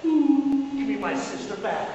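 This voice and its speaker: An improv actor playing an earnest, tearful grown son on a theater stage, with lively emotional outbursts. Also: male voice, very high-pitched, takes it slowly, lo-fi sound, heavy background noise, exaggerated voice. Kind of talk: live improv comedy. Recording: echoey theater audio from far off. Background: loud laughing audience.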